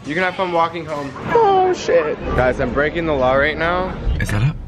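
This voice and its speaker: A man's voice: fairly high pitch, fast, over loud music. A man in his twenties joking casually and crudely to a handheld vlog camera. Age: 20s. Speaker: vlogger's friend and fellow YouTuber. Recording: loud car and city noise.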